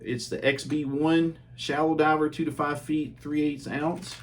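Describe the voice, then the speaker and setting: A man hosting his fishing channel, casually reviewing baits at home in a relaxed, chatty way with lots of ums and uhs. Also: a little high, a little slow, slight background noise.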